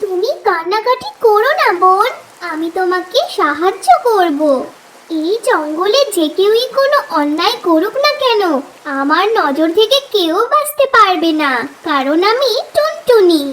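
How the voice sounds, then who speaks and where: A woman's voice: very high-pitched, lively intonation, measured pace, background noise. A woman voicing a brave, protective little mother tailorbird in a cartoon story, speaking with determination. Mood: determined. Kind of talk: cartoon voice acting.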